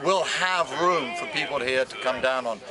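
A man's voice: medium pitch, moderate pace. Man, fifties, earnest, enthusiastic, outdoor interview, street chatter behind. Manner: earnest, enthusiastic, frequent restarts. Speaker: head of an ocean research group. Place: outdoors by a brick building and truck. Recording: outdoor street noise and voices.

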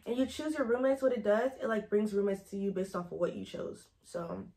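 A woman's voice: mid-range voice, brisk, warm tone. A young college woman talking casually to her camera, rambling and easily sidetracked as she gives advice. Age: young adult. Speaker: vlogger. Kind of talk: casual chatty advice vlog.

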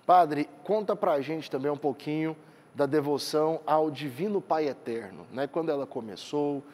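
Husky reporter in a reverberant room. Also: male voice, fairly high pitch, normal speed, a little mellow. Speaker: TV reporter interviewer. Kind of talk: TV interview.

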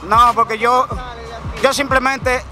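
A man explains himself earnestly on a busy street, in a near-preachy way. His voice is very high. Loud music blares in the background. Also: fairly even intonation, slow, crowd noise. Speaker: windshield washer. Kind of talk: street interview answers.

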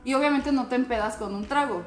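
A woman's voice: high voice, fast, reverberant, music in the background. A Mexican woman around thirty, telling a story in slangy casual chat and acting out the quotes. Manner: animated, slangy, acts out quotes. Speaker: guest. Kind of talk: casual storytelling among friends.

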